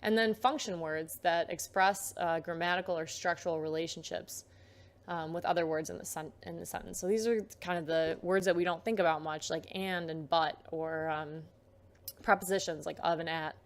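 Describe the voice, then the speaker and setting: A woman's voice: lowish voice, fairly even intonation, moderate pace. A young woman giving a recorded lecture, explaining terms patiently with frequent filler words.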